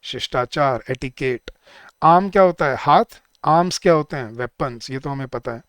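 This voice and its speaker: A man's voice: medium pitch, moderate pace, a bit bright, smooth, dry recording, studio quality. A man with an Indian accent teaching English grammar in an online exam-prep lecture. He mixes Hindi with English example sentences and keeps asking the class questions that he then answers himself.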